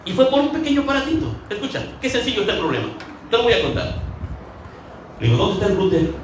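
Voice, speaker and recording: A man with a very high voice and wildly swooping pitch preaches a sermon fast and conversationally, telling stories and acting out the quotes. The recording comes from far off in an echoey hall with faint ambient noise.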